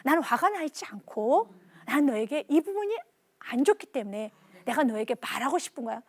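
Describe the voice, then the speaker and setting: A woman voicing a calm middle-aged father who explains himself patiently during a sermon. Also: sits high, moderate pace, pitched below the performer's own voice. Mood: calm explaining.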